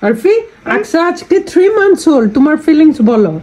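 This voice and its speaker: Fast, high-voiced mother. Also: animated, dark tone, slight background noise. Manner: coaxing, playful, mixes Bengali and English. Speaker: mother and vlogger. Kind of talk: casual family vlog chat.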